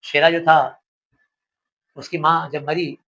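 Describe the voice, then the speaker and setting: A man's voice: on the high side, flat delivery, takes it slowly, sharp tone, dull audio. A male teacher explaining a literature lesson, paraphrasing the text and asking rhetorical questions.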